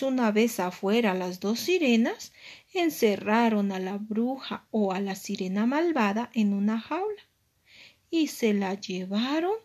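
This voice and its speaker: A woman improvising a fairy tale for a child in a gentle, sing-song manner, repeating words for emphasis. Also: a little high. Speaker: storyteller. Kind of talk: improvised bedtime storytelling with a child.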